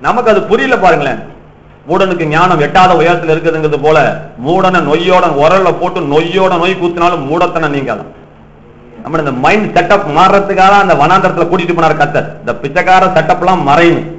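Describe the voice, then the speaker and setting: A man's voice: high voice, a little fast, fairly bright tone, reverberant, lo-fi sound. A male pastor preaching a sermon in a teasing, questioning manner, calling on the congregation for applause and amens.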